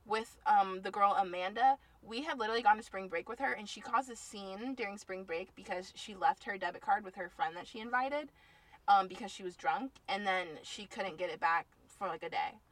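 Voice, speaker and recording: A woman's voice: medium pitch, brisk, a bit bright, no room sound. A young woman chatting casually on a podcast, telling a long story and peppering it with "like". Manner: rambling storyteller, heavy use of "like". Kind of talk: casual chat.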